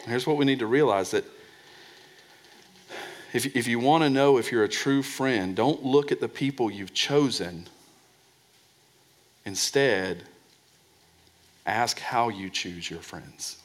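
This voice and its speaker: A man preaching a sermon as a pastor, pressing points and dropping to a soft low voice on key words, often repeating words as he restarts. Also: slow pace, pauses often.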